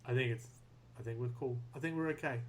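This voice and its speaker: A man's voice: medium pitch, quick pace, a little hiss or hum. A man hosting a casual podcast, chatty and laughing easily while a little flustered. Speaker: podcast host.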